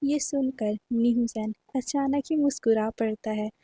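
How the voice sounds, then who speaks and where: A woman's voice: a little high, fairly even intonation, unhurried, warm tone, slightly rough, dry recording. A woman narrating a fan fiction story in a casual storytelling manner, mixing in English words.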